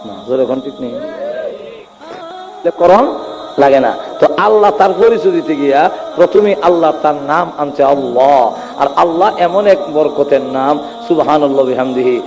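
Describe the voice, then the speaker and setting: A man preaching a Bengali waz sermon in a sing-song way, speaking with a tinge and urging the crowd to answer louder. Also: on the high side, moderate pace. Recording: long hall reverb.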